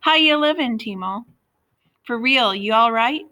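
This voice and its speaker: A woman voicing a smooth street dealer who is an older cousin, easygoing and generous with money, in a read-aloud story. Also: very high-pitched, expressive, measured pace, bright, forceful tone, voice pushed up, heavily acted. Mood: pleased.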